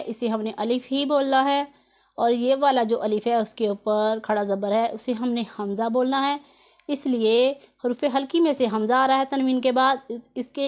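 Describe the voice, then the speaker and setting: A woman teaching Quran reading rules in a tutorial lesson, patiently repeating and drawing out each example word. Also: high-pitched. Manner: slow and patient, drawing out example words syllable by syllable.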